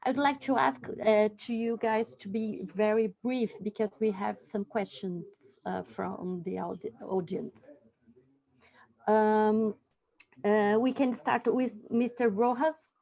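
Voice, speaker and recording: A woman moderating a webinar panel over a video call, speaking in measured phrases with filler sounds between them. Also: mid-range voice, steady tone, gravelly, mellow, lo-fi sound.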